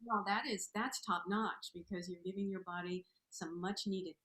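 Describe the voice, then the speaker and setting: A woman's voice: medium pitch, steady tone, moderate pace, fairly bright tone. A woman hosting an interview in an effusive, encouraging, conversational way, recorded with a roomy echo. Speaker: interview host. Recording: roomy, echoing sound.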